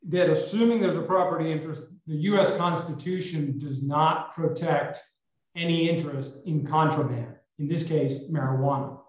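Attorney, male, formal courtroom delivery, booming well-like echo over a dull, muffled line. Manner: formal, measured courtroom address. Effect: hollow echo, as if speaking inside a well. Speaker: attorney arguing for the state. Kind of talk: appellate oral argument. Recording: echoey, dull remote audio line.

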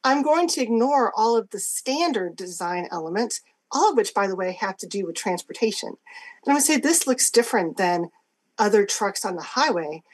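A woman with a medium-pitched voice presents a formal legal argument. She is assertive and emphatic, setting out her points in measured phrases. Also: expressive, breathy edge, low-quality recording. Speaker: government lawyer arguing an appeal. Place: remote court hearing.

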